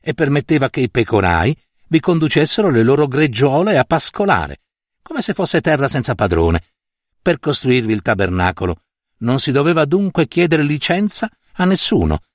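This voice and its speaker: A man narrates a classic short story with measured, expressive phrasing. His intonation moves freely up and down, and the recording is dry and close with no room sound. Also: mid-range voice, dry recording. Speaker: audiobook narrator. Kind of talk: scripted literary narration.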